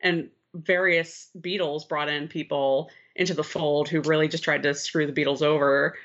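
A woman co-hosting a podcast, telling the story in a candid, expressive, casual way and swearing freely. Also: deep voice, moderate pace. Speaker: podcast co-host. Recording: slightly muffled lo-fi sound.

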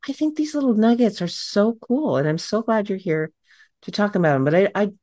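A middle-aged woman hosting a podcast interview, animated and fond of acting out the people she quotes. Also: mid-range voice, fairly quick, no room sound, studio quality. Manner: animated, acts out quoted voices. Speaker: podcast host.

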